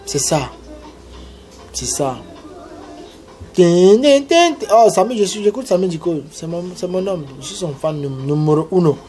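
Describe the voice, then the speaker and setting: A man delivering a casual, emphatic advice monologue, repeating his points and jumping up in pitch when he urges his listeners on. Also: normal speed, warm tone, soft background music. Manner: emphatic and repetitive, preachy. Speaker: vlogger giving love advice.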